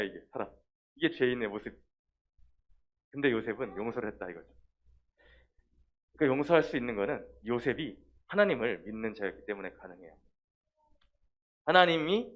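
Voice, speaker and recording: A man gives a children's sermon at a middle pitch, speaking straight to the kids. He bursts into acted-out little scenes now and then. The sound is dull and lo-fi. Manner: lively, talks directly to the children and acts out quotes. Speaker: children's pastor.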